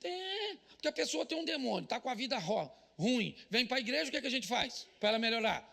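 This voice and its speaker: A man with a Brazilian Portuguese accent, a pastor giving a comedic sermon at a business event, joking loudly and mimicking people praying. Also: very high voice, sing-song, brisk, gravelly, big-room sound.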